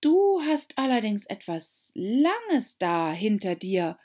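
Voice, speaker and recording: A woman's voice: medium pitch, big pitch swings, slow, warm tone, slightly rough, pitched above the performer's own voice, exaggerated voice. A woman voicing a touchy, easily offended female mouse in a storybook, sighing and stern.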